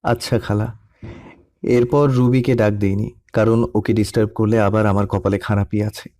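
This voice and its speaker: A young man narrating a first-person love story in a soft, melancholy storytelling manner. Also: fairly low pitch, little pitch movement, normal speed. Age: young adult.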